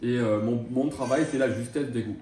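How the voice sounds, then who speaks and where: A dark-toned, mid-range voice belongs to a French chef in his thirties who speaks fairly quickly yet hesitates a great deal during an interview, filling gaps and starting over. Slight background noise and roomy echo come through the distant microphone.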